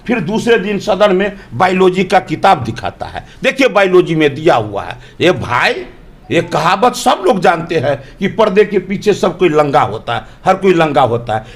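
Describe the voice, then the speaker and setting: High-voiced, animated politician. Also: male voice. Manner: emphatic, argumentative, rhetorical questions. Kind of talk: interview answers.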